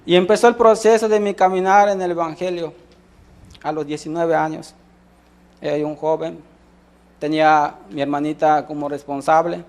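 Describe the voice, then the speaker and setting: A man's voice: a little high, fairly even intonation, moderate pace, a little mellow. A man with a Mexican Spanish accent giving a sermon testimony, telling his story with many restarts and voicing the people in it. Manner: storytelling, acts out quoted dialogue, frequent restarts.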